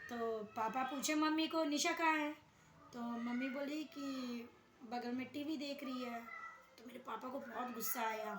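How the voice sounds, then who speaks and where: A woman in her thirties casually telling a lively story from her childhood. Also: high-pitched. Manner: lively, animated retelling of childhood memories. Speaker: vlogger. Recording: echoey room with faint noise.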